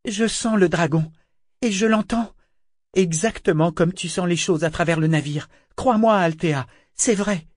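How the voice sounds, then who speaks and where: A man's voice: high voice, a little slow, no echo, voice pushed up. A man voicing a frightened young girl who senses a dragon, urgent and then hollow.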